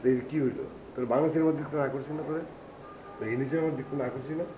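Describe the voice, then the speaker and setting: An actor playing a boastful, bossy young would-be film director in a TV drama. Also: male voice, mid-range voice, fairly even intonation, muffled recording, noisy background, lightly acted. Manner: boastful, bossy, fast-talking. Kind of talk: TV drama acting.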